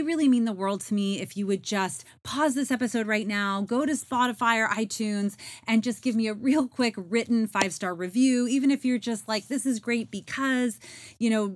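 A woman's voice: on the high side, no echo. Woman talking from inside a closet. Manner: chatty, rambling with fillers. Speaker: podcast host. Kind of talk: casual podcast monologue. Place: inside a small clothes closet.

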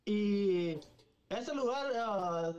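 A man's voice: high-pitched, expressive, extremely slow, darkish tone, smooth, muffled recording. A man, a guest telling stories casually in a mix of Spanish and English. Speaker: guest paranormal investigator. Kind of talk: casual bilingual storytelling.

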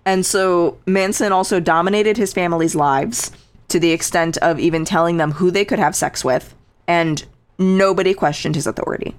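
A woman's voice: lowish voice, moderate pace. A woman co-hosting a podcast, casually telling a true crime story with dry, sarcastic asides and lots of fillers.

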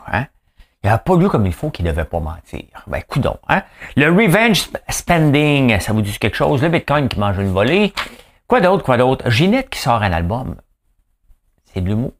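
Brief: Quebec French male vlogger, low voice with a lively pitch, rambling and jokey. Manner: rambling, joking, self-mocking. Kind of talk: casual solo commentary to camera. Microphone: camera mic.

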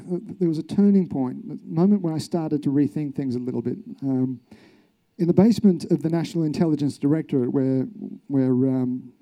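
A man's voice: mid-range voice, dark tone. An Australian journalist, a man, telling his own story in an earnest, reflective way, with rhetorical questions. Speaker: journalist, speaker. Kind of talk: recounted personal story, public talk.

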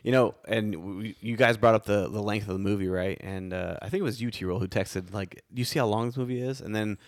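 Laid-back low-voiced young man, dry sound. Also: steady tone, brisk, no room sound. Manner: laid-back, laughs easily, lots of fillers. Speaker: podcast co-host. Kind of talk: casual podcast chat.

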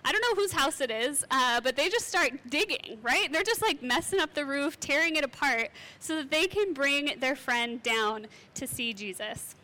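A woman's voice: high voice, expressive, normal speed, hardly any pauses, sharp tone. A young woman teaching a casual Bible lesson in a chatty, conversational way with light asides.

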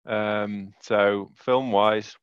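A man's voice: lowish voice, steady tone, drawn-out words, clear, resonant tone, dry recording, highs cut off. A man with a Yorkshire accent chatting casually as a podcast co-host, rambling through his picks with many fillers and bursts of laughter. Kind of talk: casual chat.

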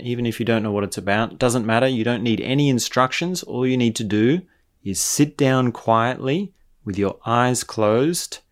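A man speaking as a meditation teacher, giving calm, deliberate guided instruction. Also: fairly low pitch. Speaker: meditation teacher introducing own course. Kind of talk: guided meditation and spoken introduction.

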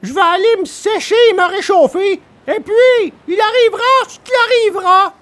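A man voicing a cheeky, quick-witted wooden puppet boy in a shrill, chirpy voice. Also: fairly bright tone. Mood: hopeful.

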